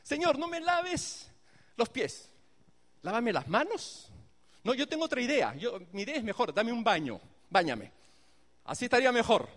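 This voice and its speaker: A man's voice: very high-pitched, unhurried, long pauses, in a large hall. A man voicing an impetuous, know-it-all apostle in a sermon, pressing his own ideas. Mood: insistent.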